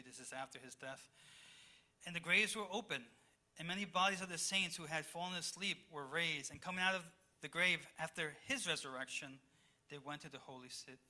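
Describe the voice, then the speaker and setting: A man from Chile preaching a sermon, reading scripture aloud and explaining it, swinging between loud passages and hushed ones. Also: on the high side. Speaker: pastor.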